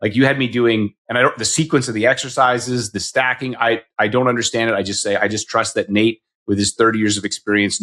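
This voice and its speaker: A man's voice: lowish voice, fairly bright tone. A man in his fifties hosting an interview, chatty and self-deprecating, asking rambling questions. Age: 50s. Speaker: podcast host. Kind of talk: casual interview.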